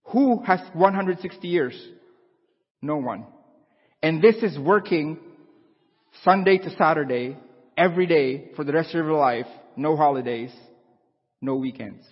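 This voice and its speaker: A man's voice: fairly high pitch, measured pace, long pauses, breathy edge. A man, preaching a conversational sermon and asking his congregation questions. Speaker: pastor. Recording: dull lo-fi sound with long hall reverb.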